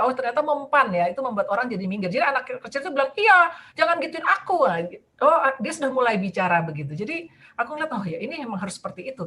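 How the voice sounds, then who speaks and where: Woman guest chatting away, kinda high voice, lots of fillers. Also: a bit bright. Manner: chatty with many fillers, acts out quoted dialogue. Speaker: guest speaker. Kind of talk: casual conversational talk.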